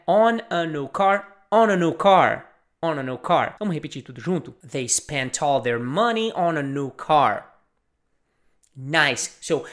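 A man teaching a video lesson, repeating example phrases slowly and deliberately. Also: high-pitched, a bit bright. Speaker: language teacher.

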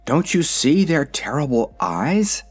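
A storybook reader voicing a frightened pet kitten who talks quickly and in alarm. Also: medium pitch, sing-song, breathy edge, full character voice. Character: frightened pet kitten, sharp-eyed and blunt.

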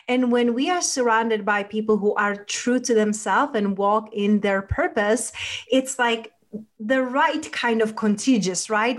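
A woman with a mid-range voice hosts an interview podcast. She is effusive and affirming, addressing her guest directly and with open admiration. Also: medium pitch. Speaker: podcast host. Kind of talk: interview hosting.

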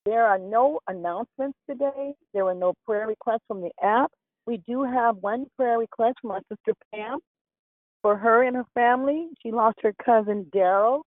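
A woman reading scripted announcements and scripture in a formal, measured way as hostess of a phone prayer call. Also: on the high side. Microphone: telephone. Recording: tinny phone conference line, roomy echo.

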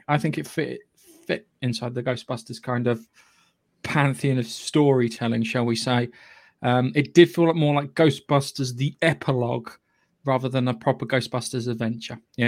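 British man, podcast host, casual film review, opinionated, halting delivery, sweary. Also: mid-range voice, creaky.

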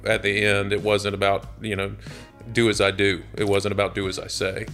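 A man who is a real estate company president, speaking in a measured, earnest way in an interview clip. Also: fairly low pitch, monotone. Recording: faint music behind.

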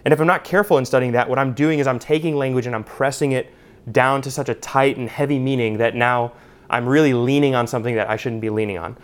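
A man's voice: mid-range voice, quick pace. A man teaching a Bible study class in a conversational way, with lots of "you know" and "uh". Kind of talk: unscripted teaching talk.

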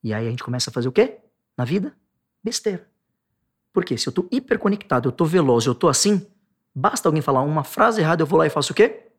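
A man with a Brazilian Portuguese accent, a guest explaining stress and anxiety. He acts out angry outbursts in sharp bursts, then drops to a soft, low tone for the calm points. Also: fast, slightly rough.

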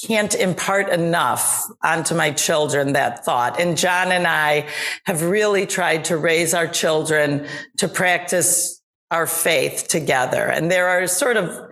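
A middle-aged woman giving a personal faith testimony on a video call, earnest and storytelling, with soft laughs now and then. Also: on the low side. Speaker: guest speaker.

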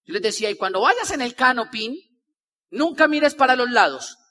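A man rallies a convention audience in a high, piercing voice, repeating his points and acting out the people he quotes. His words ring out with a long echo through a large hall. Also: moderate pace. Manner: animated, repetitive, acts out quoted people. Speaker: motivational speaker. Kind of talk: energetic motivational talk to a crowd. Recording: live talk with long hall reverb.

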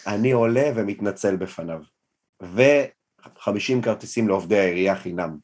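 Young male comedian telling a story. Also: on the low side. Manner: animated, self-deprecating storyteller who acts out quotes. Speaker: guest comedian. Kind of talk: casual storytelling in a podcast interview.

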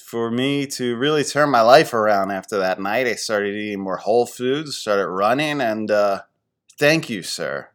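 A man in his forties from the Philadelphia area, hosting a podcast and telling casual, rambling, self-deprecating stories, getting animated when he quotes his friends. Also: fairly low pitch, a little slow. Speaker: podcast host. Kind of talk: casual storytelling monologue.

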